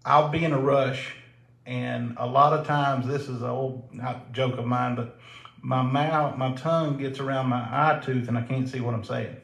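A man's voice: mid-range voice, fairly even intonation, moderate pace, gravelly, fairly bright tone, reverberant, low-quality recording. A man from South Carolina with a Southern drawl, co-hosting a casual faith talk show, folksy and joking, laughing often. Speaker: co-host.

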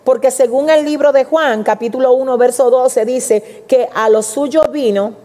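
Woman preacher, animated sermon delivery, higher voice, big reverberant church hall. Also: unhurried. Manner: animated, addresses congregation directly, acts out quotes.

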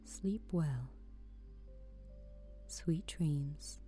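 Slow, soft-voiced woman guiding meditation. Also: low-pitched, faint music behind. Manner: soft, slow and soothing, often whispering. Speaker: meditation guide. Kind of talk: guided sleep meditation.

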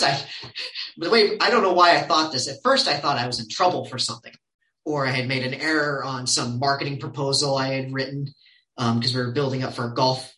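A man telling stories casually as a podcast guest, animated and quoting others in lively voices. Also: medium pitch, reverberant, rough recording. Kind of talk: casual storytelling.

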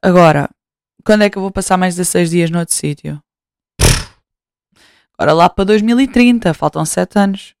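Young European Portuguese woman, podcast host, chatty and self-mocking; smooth, clear voice, dry close sound. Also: lowish voice, normal speed, long pauses, a little mellow, no echo. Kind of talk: casual solo chat.

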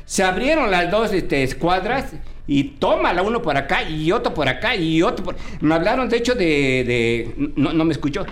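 A man playing a sad, cheeky Korean soccer fan who jokes loudly in crude slang and flirts. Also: sits high, very animated, normal speed. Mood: joking. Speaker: comedy guest character. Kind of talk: comedy sketch on a live show.

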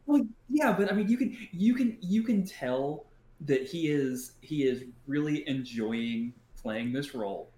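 A man's voice: on the high side, lively intonation, unhurried, mellow, echoey room. A man co-hosting a casual podcast chat, swearing freely and restarting his sentences. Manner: swears a lot, repeats words and restarts. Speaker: podcast co-host.

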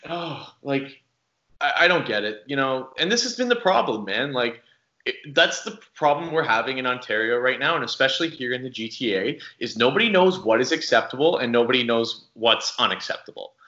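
A Canadian man hosting a podcast, his voice coming through thin and tinny over a Skype call. He has a bright, forward tone, and there is a roomy echo around him. He chats casually, talks in quick bursts, and often restarts his sentences. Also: medium pitch, lively intonation. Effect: tinny sound from a Skype call. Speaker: podcast host. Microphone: computer call microphone.

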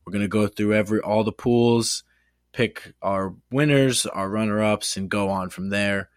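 A man's voice: lowish voice, fairly even intonation, normal speed, no room sound, studio quality. A man co-hosting a casual sports podcast, teasing his partner and swearing casually. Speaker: podcast co-host.

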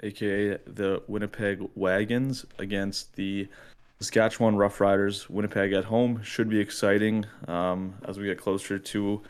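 A man's voice: fairly low pitch, level tone, normal speed, clear, resonant tone. A young man co-hosting a sports podcast, cocky and teasing, boasting about his picks. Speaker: podcast co-host. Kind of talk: casual sports podcast chat.

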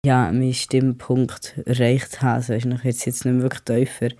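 A man's voice: mid-range voice, completely flat delivery, brisk, warm tone, no room sound, clean studio sound. A young man who has a cold, hosting a casual solo podcast and rambling on with English words mixed in. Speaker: podcast host.

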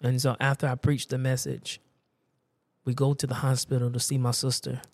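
A male preacher telling a personal story in a conversational sermon, repeating himself for emphasis. His voice sits at an ordinary middle pitch. The recording is dry with almost no room sound. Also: level tone, normal speed, darkish tone, dry recording.

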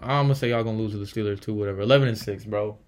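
A man's voice: lowish voice, rapid-fire, a little mellow. A man hosting a casual solo sports podcast, bluntly trash-talking teams and thinking aloud as he tallies win-loss records. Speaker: podcast host.

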